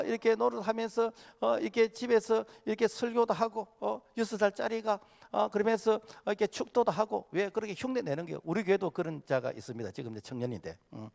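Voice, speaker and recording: High-voiced male pastor preaching, lots of "uh"s, loud then hushed, big echoey church hall. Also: creaky. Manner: impassioned preaching with many filler "uh"s, swinging from loud to hushed. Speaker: senior pastor. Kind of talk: sermon. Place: church sanctuary. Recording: long hall reverb of a church sanctuary.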